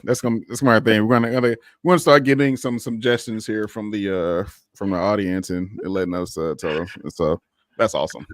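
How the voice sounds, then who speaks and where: A man's voice: fairly low pitch, a little fast, no room sound, studio quality. A man hosting a tech podcast, talking casually and loosely with lots of fillers. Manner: relaxed, rambling, with many fillers and restarts. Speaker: podcast host.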